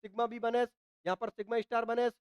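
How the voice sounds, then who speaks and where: Speaking quickly in a very high, smooth voice with little pitch movement, a chemistry teacher with a Hindi accent gives a whiteboard lecture. He coughs through a dry throat, repeats himself, asks his class questions he then answers, and often says "ठीक है ना" to check on them. There's no room sound.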